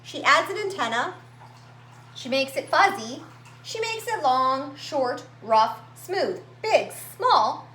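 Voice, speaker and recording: A woman with a high, animated voice reads a picture book aloud to young children during library story time. She stretches out words for dramatic emphasis and adds simple asides. The room is echoey, with faint background noise.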